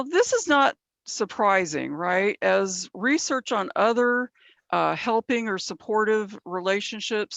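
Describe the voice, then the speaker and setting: A woman from San Bernardino County, California, leads a mentoring training session, explaining each step and often checking in with "right?" Her mid-range voice is gravelly and fairly bright but a little worn as she loses it, recorded with no room sound.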